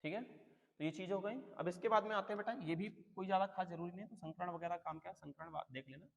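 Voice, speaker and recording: A man's voice: high voice, fast, creaky. Man teaching in an echoing hall. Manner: calls students "beta", repeats key terms. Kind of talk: exam-prep lecture. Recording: long hall reverb.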